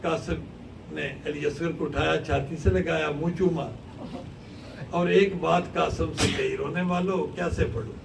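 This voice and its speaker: A male cleric giving an impassioned mourning sermon, telling the story with rising, shouted lament. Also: a little high, steady tone, vocal fry, distant mic. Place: large mosque hall. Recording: echoey hall recording from afar, faint hiss.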